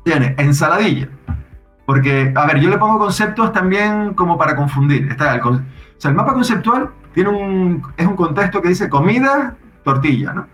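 A man casually explaining how his software works, thinking aloud with frequent restarts. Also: high-pitched, lively intonation, moderate pace, echoey room, faint music behind. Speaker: software developer guest.

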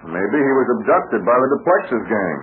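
A steady male adventurer, played by a man in an old radio serial. He explains things plainly and wryly in a mid-pitched voice. The recording is narrow and tinny with faint noise. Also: moderate pace, lightly acted. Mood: explaining. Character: steady adult male adventurer, wry older pal.

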